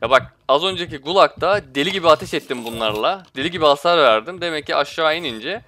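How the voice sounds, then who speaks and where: Bright-voiced man ranting over gameplay. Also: fairly high pitch, animated, quick pace, slight background noise. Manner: swings between frustrated outbursts and mumbling to himself; taunts opponents with slangy trash talk. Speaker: gaming streamer. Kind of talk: live gameplay commentary.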